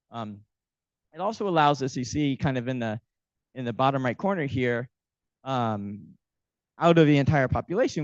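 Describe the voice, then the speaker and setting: Losing his voice as he lectures, a man with a mid-range voice stumbles through an academic workshop talk full of ums and false starts. There's no echo, but the recording is muffled and dull.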